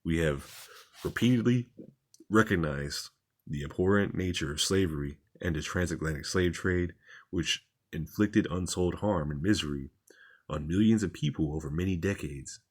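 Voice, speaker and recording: A man's voice: low voice, moderate pace, slightly rough. A man reading articles aloud and commenting on them in an informal, repetitive, plain-spoken way, as a religious commentator.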